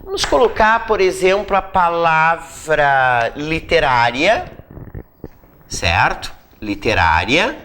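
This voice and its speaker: A woman's voice: lowish voice, a bit bright. A woman teaching a grammar lesson for exam prep, explaining step by step and stretching out key words for emphasis. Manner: drawn-out emphatic word-by-word explanations.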